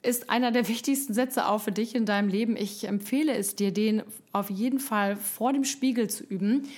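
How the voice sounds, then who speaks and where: A woman giving casual spoken advice to the viewer, chatty, with frequent fillers and self-corrections, sometimes acting out calm, firm replies in a lowered voice. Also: normal speed. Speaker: advice coach on handling bullying.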